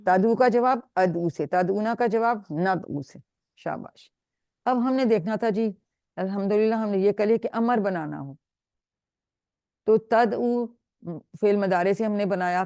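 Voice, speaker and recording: A woman's voice: mid-range voice, dark tone, dry recording, studio quality. A woman teaching an online Quran grammar class, patiently drilling students and praising them. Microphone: video call.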